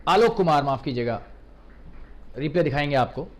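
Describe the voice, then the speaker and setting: A man works as a live cricket commentator, with a fairly high-pitched voice. He reports scores and describes the play ball by ball. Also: expressive, a little fast.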